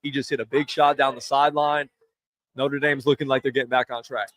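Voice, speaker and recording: A man co-hosting a casual sports talk show, upbeat, breaking in with quick game updates. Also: medium pitch, little pitch movement, a bit bright.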